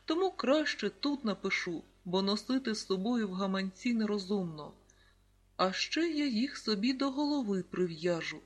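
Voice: mid-range voice, animated, moderate pace, close to an everyday voice. A reader voicing a playful, patient mother. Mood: joking. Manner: warm, joking, explaining patiently. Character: caring, playful young mother.

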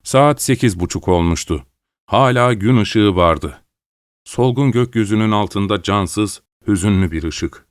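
A man narrates a literary story in a low, resonant, clean voice, measured and dramatic, raising it when he quotes other people. He is recorded on a close studio mic with a dry sound and no room echo. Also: clean tone. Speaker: audiobook narrator.

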